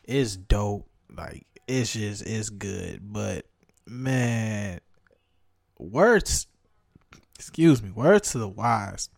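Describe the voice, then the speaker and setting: A man hosting a podcast, talking in a rambling, animated, self-mocking way, worn out. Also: lowish voice, extremely slow, creaky, dry recording. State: tired. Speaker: podcast host. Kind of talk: casual chat.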